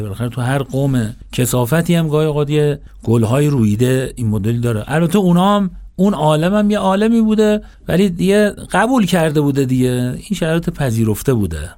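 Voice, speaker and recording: Animated man giving a sermon. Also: on the high side, soft background music. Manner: animated, shifts between recitation and conversational address. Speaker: religious lecturer. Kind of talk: Quranic sermon with colloquial asides.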